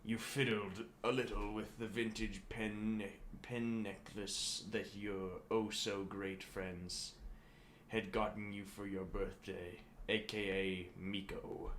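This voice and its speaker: Low-voiced man reading fan fiction aloud. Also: flat delivery, a bit bright, a little hiss or hum. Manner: reads haltingly with restarts, swears, breaks into laughter. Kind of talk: comedic dramatic reading.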